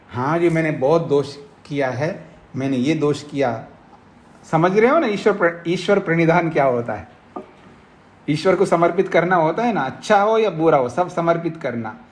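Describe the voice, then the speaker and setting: A middle-aged man, a swami, teaching a scriptural lecture to students, explaining slowly with repetition, quizzing the class, and acting out both sides of a debate. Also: a little high, lively intonation. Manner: acts out both sides of a debate in raised tones. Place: ashram classroom.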